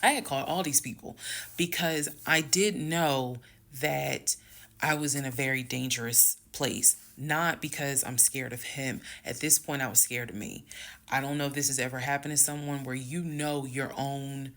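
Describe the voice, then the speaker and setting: Woman, gravelly voice, animated and dramatic, talking to camera on a phone. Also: extremely low pitch, measured pace. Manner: animated, dramatic, talks straight to viewers. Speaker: storyteller. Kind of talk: casual storytime.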